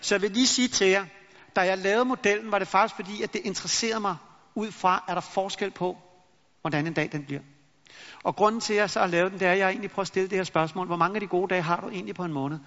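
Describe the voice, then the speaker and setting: A middle-aged man giving a motivational talk to an audience, a lively storyteller who acts out his anecdotes. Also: sits high. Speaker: motivational speaker. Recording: long reverb in a hall, dull lo-fi sound.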